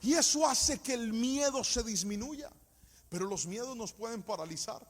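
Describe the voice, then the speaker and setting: A man preaching from the pulpit, his voice pitched high and ringing with a long hall echo. He swings into a lilting, sing-song cadence and pushes up to full shouts at the peaks. Between the peaks he tells personal stories. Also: moderate pace. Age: adult, married with a child. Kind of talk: sermon with personal storytelling. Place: church service. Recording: echoey church hall.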